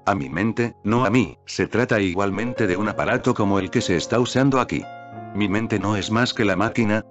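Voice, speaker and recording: The recording is dull and lo-fi, with soft music playing faintly beneath a man's narration. He reads a spiritual text in a calm, measured way, with a voice sitting slightly low.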